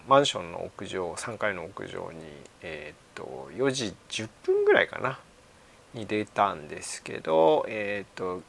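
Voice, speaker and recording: An older man hosting a radio segment, talking off the cuff and haltingly, thinking aloud. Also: fairly low pitch, creaky, slight background noise. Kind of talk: unscripted radio monologue.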